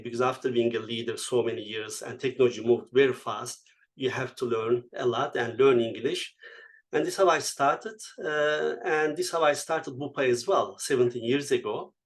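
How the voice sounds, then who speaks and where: A man in his fifties with a Turkish accent speaks as an interview guest. He talks reflectively and unhurriedly, with frequent "uh" fillers and non-native phrasing. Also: mid-range voice. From Turkey. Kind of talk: conversational interview answers.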